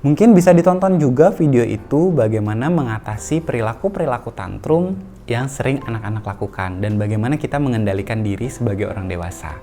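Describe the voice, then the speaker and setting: A man working as a child therapist, calmly explaining home exercises to parents in an instructional talk. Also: medium pitch, soft background music. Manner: calm, explanatory, with slow singsong demonstrations.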